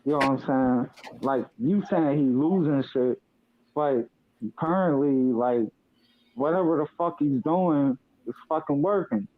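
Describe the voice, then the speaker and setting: A man debating casually in a halting, slangy way with heavy swearing, heard over a call. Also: fairly high pitch. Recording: tinny phone-like dry line.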